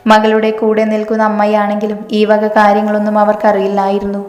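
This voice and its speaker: A woman reading a romantic story as a steady, scripted narration. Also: mid-range voice, a little fast. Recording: echoey room with long reverb.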